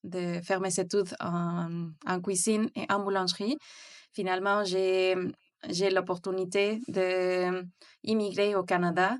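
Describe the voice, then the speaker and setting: A woman's voice: fairly low pitch, flat delivery, unhurried, clean tone. Woman, hesitant. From Mexico City, Mexico. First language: Spanish. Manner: hesitant, many fillers and restarts. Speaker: guest, bakery founder. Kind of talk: interview, casual conversation.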